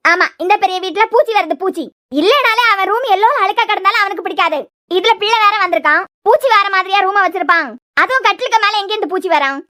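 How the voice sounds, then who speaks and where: A woman's voice: extremely high pitch, fast, hardly any pauses, pushed and bright. Woman voicing a nagging Kanyakumari grandmother. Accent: Kanyakumari Tamil. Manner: scolding, nagging. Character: bossy old grandmother, sharp-tongued mother-in-law. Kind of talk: cartoon serial voice acting.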